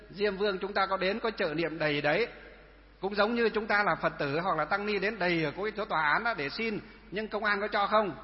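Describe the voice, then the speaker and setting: A man, a Buddhist monk, giving a sermon who keeps asking rhetorical questions and answering them himself. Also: sits high. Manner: repetitive, asks and answers own questions. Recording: dull lo-fi sound with long reverb.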